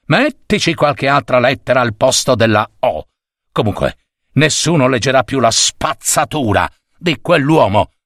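A man voicing a gruff, grumpy middle-aged male print-shop boss who talks in a curt, weary growl. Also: medium pitch, expressive, unhurried, a bit bright, no room sound, studio quality.

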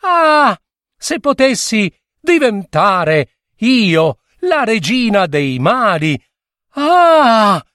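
Guy putting on a sly dolphin, high and sighing, all drama, dry close sound. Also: big pitch swings, very slow, pushed and bright, no room sound, full character voice. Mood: theatrical. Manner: pleading, overacted, like a comedian. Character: sly theatrical male dolphin, flattering and scheming. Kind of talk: storybook reading.

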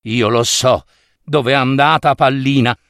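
A man's voice: medium pitch, fairly even intonation, unhurried, a bit bright, no room sound, studio quality, voice pushed down. A man voicing a lovesick young male spinning top in a storybook who stammers and fumbles his words. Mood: muddled.

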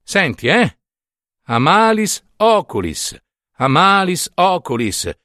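Guy doing a cranky old country priest in a storybook reading, voice jumps up high and swings all over, loud huffy outbursts. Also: sing-song, takes it slowly, no room sound, studio quality, heavily acted. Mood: impatient. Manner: exasperated, loud protesting outbursts. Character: grumpy impatient old male village priest.

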